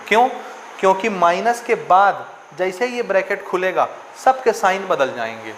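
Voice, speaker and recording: High-voiced man teaching maths step by step. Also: a bit bright, slight background noise. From India. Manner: repetitive, questioning, checks understanding often. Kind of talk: classroom lesson explaining step by step.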